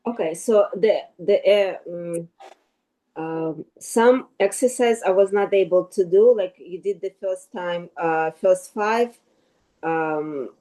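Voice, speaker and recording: A woman in her sixties asking a hesitant question on a video call, pausing often with fillers and restarts. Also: lowish voice, dark tone, rough recording. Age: 60s. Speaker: class participant asking a question. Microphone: computer on a video call.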